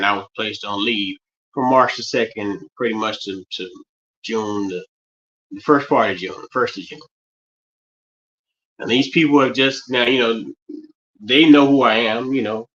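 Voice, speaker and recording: A man's voice: fairly low pitch, bright, forceful tone, lo-fi sound. A man with a West Virginia Appalachian accent rambling through a casual livestream monologue, often repeating and restarting his phrases. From West Virginia, United States.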